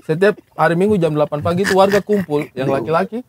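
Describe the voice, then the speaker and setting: A man's voice: fairly high pitch, quick pace. Teasing man from Baubau in casual chat. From Baubau, Southeast Sulawesi. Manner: teasing, jumps in to correct and joke. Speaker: podcast co-host. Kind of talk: casual chat among friends.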